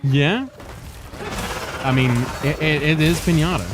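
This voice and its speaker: A man's voice: fairly high pitch, a little slow. A man streaming a game, chatting casually, laughing often and reacting to chat. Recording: game music in the background.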